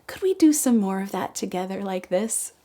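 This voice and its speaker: A woman's voice: mid-range voice, animated, normal speed, dark tone. A woman speaking in a sing-song, encouraging kindergarten teacher voice, leading preschool circle time with poems and chants.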